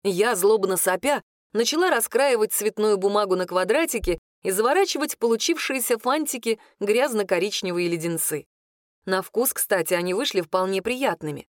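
A woman narrating a first-person audiobook with lively, expressive storytelling into a close mic. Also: medium pitch, no echo.

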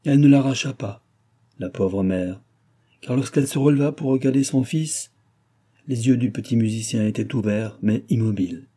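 A man narrating an audiobook, reading with dramatic swings in pitch and loudness. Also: moderate pace, husky.

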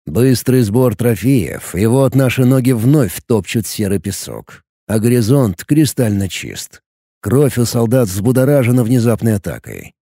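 A man narrating a fantasy audiobook with an expressive storytelling delivery. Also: on the low side, husky, no room sound, studio quality.

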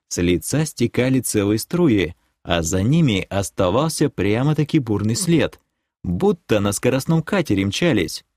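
A man reading a first-person adventure audiobook in an expressive storytelling manner. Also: lowish voice, no room sound, studio quality. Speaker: audiobook narrator.

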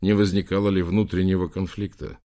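A man doing a quiet, caring young prince. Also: low voice, level tone, a little fast, lightly acted. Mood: searching.

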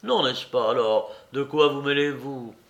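A man's voice: medium pitch, unhurried, a bit bright, muffled recording. A man voicing a brusque, irritable office clerk who scolds and snaps at a colleague. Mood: scolding. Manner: curt, scolding, snapping.

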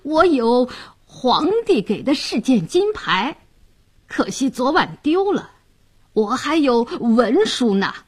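A boozy, boastful young official who drags out every word and leers through his slurred speech, his voice rising loud and swinging wildly in pitch, as a woman storyteller puts him on. There is a husky edge to the tone. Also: big pitch swings, full character voice. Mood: blustering, sly. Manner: slurred, leering, drawn-out. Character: drunken lecherous young male official, boastful.

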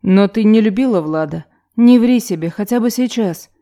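A woman's voice: mid-range voice, normal speed, dark tone, close to an everyday voice. A woman voicing a grown woman who harshly scolds her younger self in an audiobook. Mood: stern. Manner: harsh, reproachful lecturing. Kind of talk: audiobook character reading.

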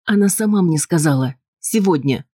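A man's voice: a little high, animated, normal speed, slightly rough, no echo, clean studio sound, voice pushed up. A man voicing an anxious, indignant wife. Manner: pleading, sharp and defensive. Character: anxious, insistent wife, adult woman.

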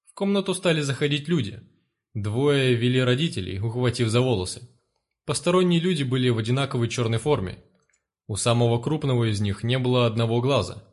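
Male audiobook narrator, steady reading. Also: medium pitch, fairly quick.

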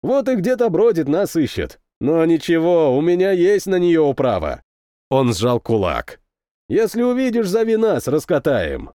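A man voicing a brash young tank captain, loud and rough. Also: fairly high pitch, huge pitch swings, unhurried, dry recording, clean studio sound. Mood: excited. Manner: rough-spoken, boastful, loud.

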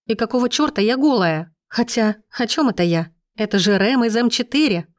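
A woman reading an audiobook, voicing an indignant, sharp-tongued young woman who hisses sarcastic retorts, in a dry, close recording. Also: a little high, lively intonation, normal speed, no room sound, voice pushed up, lightly acted. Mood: angry. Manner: hissing, sarcastic outbursts.

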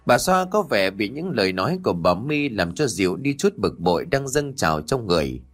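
A man narrating a ghost story in a dramatic, expressive reading style, over faint background music. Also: on the low side, a little fast.

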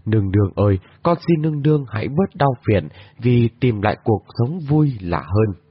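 A devoted, anxious young maidservant from an old storybook, as a man reads her. She pleads in a husky voice that rises and falls freely. The recording is dull and dry. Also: lowish voice, very animated, moderate pace, no echo. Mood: pleading.

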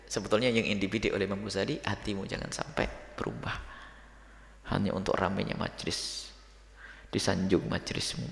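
A man, teaching a sermon lesson to his students with lively, teasing asides. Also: sits low, creaky, reverberant, long reverb tail, a little hiss or hum. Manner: lively, teasing asides, calls listeners "nak".

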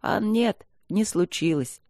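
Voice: mid-range voice, slow pace, gravelly, darkish tone, no room sound, studio quality, voice pushed up. A reader voicing a blunt, worried older mother who scolds her grown daughter tenderly, in an audiobook. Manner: plain-spoken, scolding and tender.

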